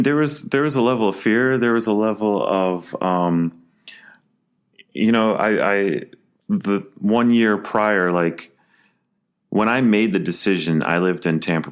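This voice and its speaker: A man co-hosting a casual podcast, telling a personal story in an animated, rambling way, with restarts and some swearing. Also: on the low side, measured pace, clean tone. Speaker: podcast co-host.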